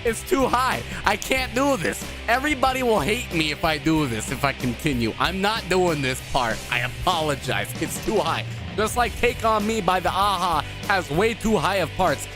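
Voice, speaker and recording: A tipsy male gaming streamer talks loosely into a desk microphone, rambling between thoughts and swearing casually. He pokes fun at himself as he goes. Faint karaoke music sits low behind his voice. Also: expressive, moderate pace, few pauses. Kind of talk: casual live-stream chat.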